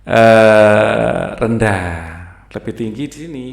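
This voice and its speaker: A man's voice: fairly low pitch, slow, creaky. A man explains a school textbook lesson, reading it aloud and singing note names and short song lines. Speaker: teacher. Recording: echoey room with faint guitar music.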